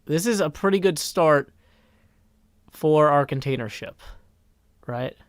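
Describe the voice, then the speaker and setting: A man hosting a casual livestream in a raspy, strained put-on voice, chatting and reading viewer comments into a boom mic. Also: lively intonation, takes it slowly, no echo, studio quality. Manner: rambling, chatty, talks to chat while working on a build. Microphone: boom microphone.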